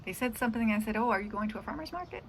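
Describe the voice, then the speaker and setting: A middle-aged female vlogger rambles casually about her day, wandering off into asides and letting thoughts trail away. She talks rapid-fire in an animated, rather high voice, with slight noise in the background.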